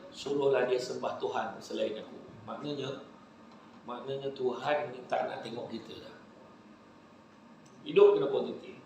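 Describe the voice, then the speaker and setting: A man preaching with a Malaysian Malay accent, giving a humorous religious talk to a live audience, telling animated stories and joking. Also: mid-range voice, slight background noise. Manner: animated joking storytelling, laughs often. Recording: very echoey hall.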